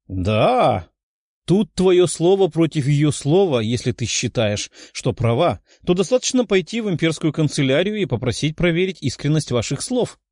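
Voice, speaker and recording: Composed young woman, sweet and calm, voiced by a man, lively pitch, dry. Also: normal speed, no room sound.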